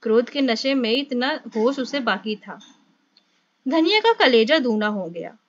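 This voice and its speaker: Woman reading a novel aloud, steady, highish voice, dull dry recording. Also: unhurried. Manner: steady storytelling. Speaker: audiobook narrator.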